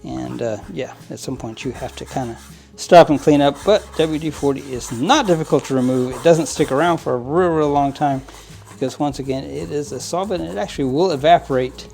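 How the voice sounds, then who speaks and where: A man's voice: on the high side, fairly quick, vocal fry, few pauses, darkish tone, faint music behind. Chatty man narrating his hobby workbench. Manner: rambling, many fillers and restarts, chuckles often. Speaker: model train hobbyist channel host. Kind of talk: casual how-to narration while working. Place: indoors at a work table.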